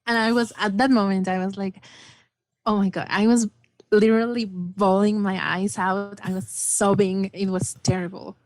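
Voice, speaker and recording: Female podcast guest, animated and enthusiastic, dry close recording. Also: medium pitch, moderate pace, dry recording. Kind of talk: casual film discussion.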